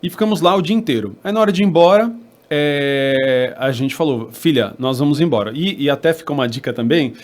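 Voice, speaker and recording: A man with a Brazilian Portuguese accent, hosting a church podcast and telling a family story in an animated way, acting out the dialogue. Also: fairly high pitch, a little fast.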